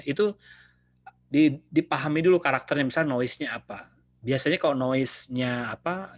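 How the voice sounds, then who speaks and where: A man lecturing students over a video call in a casual, joking, chatty way. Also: medium pitch. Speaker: university lecturer. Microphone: video call computer mic.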